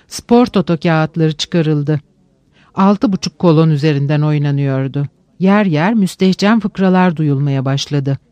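A man narrating a literary audiobook in a measured, reflective way with slow pauses. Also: on the high side, darkish tone, no room sound.

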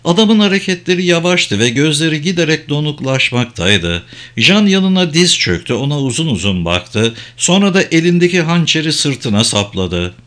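A man narrating an audiobook in a steady, even reading voice. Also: fairly high pitch, moderate pace. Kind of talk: scripted narration.

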